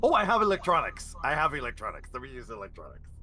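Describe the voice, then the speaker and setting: A man's voice: medium pitch, huge pitch swings, fast talker, pushed and bright, slight background noise. A man playing a tabletop game, playful and joking. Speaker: player. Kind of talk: tabletop role-play chat.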